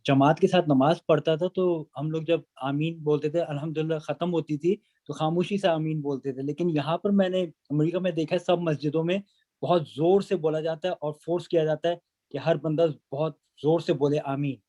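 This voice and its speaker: A man's voice: a little high, fairly even intonation, mellow. Hesitant man asking in class. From Pakistan. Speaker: student.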